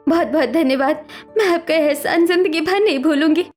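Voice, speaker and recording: A woman voices a poor but honest young woman in an animated story. She pleads earnestly in a high voice and keeps her speech plain and sincere. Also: normal speed, soft background music, lightly acted. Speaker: cartoon character.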